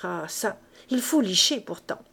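A woman voicing a cheeky, brash street boy in a storybook reading, talking loudly and jauntily in a raised voice. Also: animated, measured pace, creaky, breathy edge, heavily acted. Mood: cocky. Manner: loud, jaunty, raised pitch.

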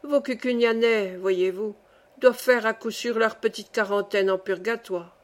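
A woman's voice: mid-range voice, steady tone, unhurried, natural voice. A woman voicing a kindly old male saint who keeps the gate of heaven, speaking in a genial, reassuring way.

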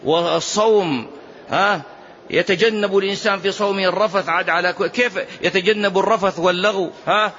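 A middle-aged man giving a mosque sermon in a high, ringing voice. He exhorts and scolds by turns and keeps firing rhetorical questions at the congregation. The recording is dull and lo-fi, with a faint hiss underneath. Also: fairly even intonation, a little fast, a bit bright. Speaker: preacher.

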